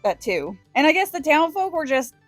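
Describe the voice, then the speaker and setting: A woman's voice: sits high, sing-song, moderate pace, no echo, faint music behind. A woman hosting a movie review, giving a scripted comedic recap in a casual, sarcastic way with some swearing. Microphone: close, dry voice-over mic.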